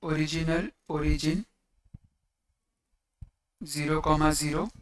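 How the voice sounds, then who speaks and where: Teacher explaining maths step by step, slow n deliberate w lots of pauses, bit far from the mic. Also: medium pitch, little pitch movement. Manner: deliberate, pausing between short phrases. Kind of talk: lecture explaining coordinate geometry step by step. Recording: distant microphone.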